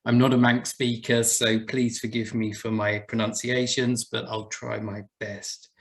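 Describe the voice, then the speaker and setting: Essex-accented man giving a measured talk. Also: medium pitch, flat delivery. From England. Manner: measured, explanatory, with small restarts. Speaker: buildings officer giving a talk. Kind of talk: webinar presentation.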